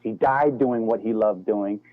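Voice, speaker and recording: A man's voice: lowish voice, a little slow, dry recording. A middle-aged American man, a former Navy SEAL guest, talking casually over the phone and calling the host "man" and "dude". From United States. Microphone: phone line. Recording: tinny phone line, dry.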